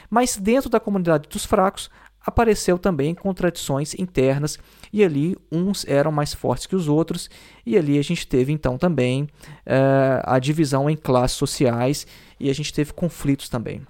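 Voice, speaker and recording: A man's voice: fairly high pitch, moderate pace, darkish tone. A man explaining philosophy in a lecture, thinking aloud with many fillers and tag questions. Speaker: teacher.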